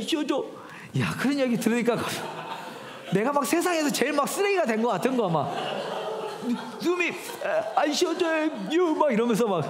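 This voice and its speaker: A man's voice: very high-pitched, reverberant. A man in his thirties preaching a sermon, telling stories animatedly and speaking directly to the congregation. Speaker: pastor. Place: church hall.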